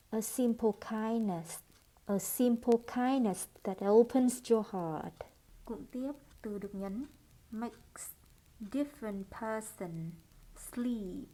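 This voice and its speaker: A Vietnamese-speaking woman teaching English pronunciation, modelling phrases slowly and deliberately as drills. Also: a little high, mellow.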